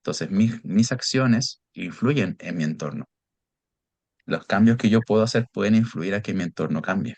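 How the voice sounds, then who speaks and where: A man with a low, deep voice gives an explanatory seminar talk, measured and patient, often pausing to check in with his listeners. The sound is dry and close, with almost no room echo. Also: darkish tone, muffled recording. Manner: measured, frequent tag questions. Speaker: seminar presenter.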